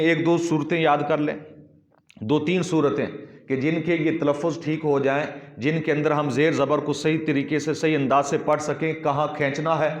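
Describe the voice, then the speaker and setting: A man with a Pakistani Urdu accent, a mufti giving a religious lecture, explaining step by step and repeating examples slowly for emphasis. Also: fairly high pitch, reverberant.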